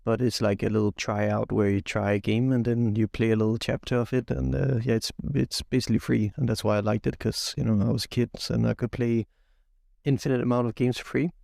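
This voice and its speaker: Gravelly-voiced Belgian-raised young man. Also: medium pitch, level tone, darkish tone, no room sound, studio quality. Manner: halting, many fillers and restarts, enthusiastic. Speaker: podcast co-host. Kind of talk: casual podcast chat.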